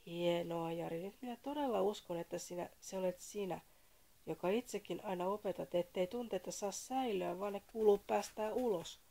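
A woman's voice: medium pitch, gravelly, warm tone. A woman voicing a fussy male caller who lectures about history in a read-aloud story, prim and indignant. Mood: lecturing.

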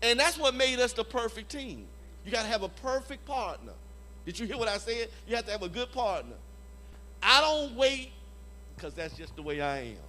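A man preaches at a church training conference in a notably high voice. He speaks emphatically, repeats his points and keeps asking the crowd for an amen. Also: big pitch swings, normal speed, sharp tone. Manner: emphatic, repeats phrases, calls for "Amen?" from the audience. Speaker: conference evangelism leader. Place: church hall before a live audience.

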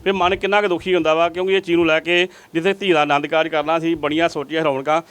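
A male field reporter talks quickly in a fairly high voice. He keeps pleading with viewers to help, repeating his appeals again and again. He is interviewing a family in their rented home. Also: flat delivery, fairly bright tone, smooth.

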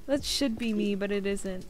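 A young woman streaming a game, chatting casually, giggling and reading chat aloud. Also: medium pitch.

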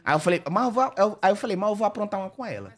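A man's voice: high-pitched, racing. A man from the Brazilian Northeast with a Northeastern accent, telling a comic story in casual, slangy talk and laughing as he goes. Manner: lively, slangy, laughs through his own story. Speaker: comedian guest telling a story.

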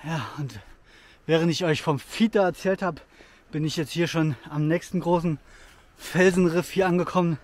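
His pitch runs a little high and his speed is normal, with no room sound at all. He's in his thirties, chatting about outdoor gear on a hike through rocky woods. Expect an eager, talkative delivery packed with fillers.

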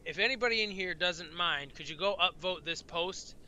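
Bright-voiced, foul-mouthed male game streamer. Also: high voice, moderate pace. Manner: profane, rambling, talks to chat. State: tired, yawning. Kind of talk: casual live-stream commentary.

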